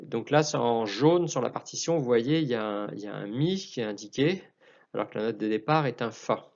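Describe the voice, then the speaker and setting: A man explaining how to chant psalms, unhurried and hesitant with small restarts. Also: mid-range voice, lively intonation, gravelly, darkish tone, dull audio. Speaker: liturgy chant teacher.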